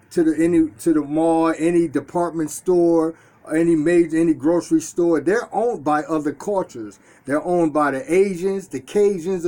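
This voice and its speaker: A man's voice: fairly high pitch, a little mellow. A man from Detroit who owns a store, talking earnestly to his own camera from inside the shop and often repeating and restarting phrases. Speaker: store owner. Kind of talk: casual talk to camera. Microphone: self-filmed camera.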